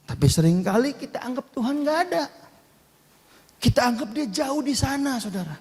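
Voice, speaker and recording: High-voiced man preaching in a hall. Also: fairly quick. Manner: lively, chatty preaching with frequent asides to the congregation. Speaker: pastor. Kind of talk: sermon. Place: church hall. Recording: long reverb of a large hall.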